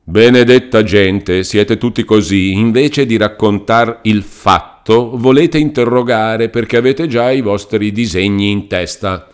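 A man's voice: fairly low pitch, unhurried, hardly any pauses, clean tone, pitched above the performer's own voice, lightly acted. A man voicing a pompous, fussy middle-aged country lawyer who blusters and reads legal texts theatrically.

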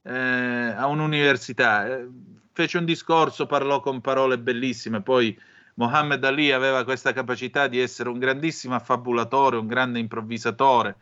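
A man hosts a radio program in a relaxed, rambling way, drifting into anecdotes. His voice sits in a middle register. The audio is somewhat dull and lo-fi. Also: medium pitch, moderate pace. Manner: rambling, storytelling. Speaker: radio host. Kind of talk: casual radio talk.

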